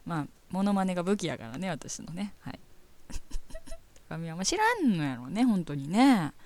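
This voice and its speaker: A woman's voice: on the low side, wildly swooping pitch, unhurried, pauses often, darkish tone. A woman with a Kansai accent hosting a show, chatting frankly and reading listener letters aloud, often breaking into giggles. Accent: Kansai Japanese. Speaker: radio host reading listener mail.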